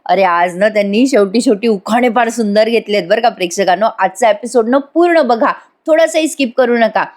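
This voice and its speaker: A woman's voice: a little high, brisk, a little mellow. Chatty woman reviewing a TV serial. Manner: chatty, addresses viewers, laughs often. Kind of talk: voice-over episode review.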